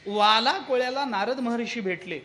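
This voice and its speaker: A man's voice: very high voice, normal speed, pushed and bright, slight background noise. A man preaching a devotional kirtan, telling a story and asking the audience rhetorical questions.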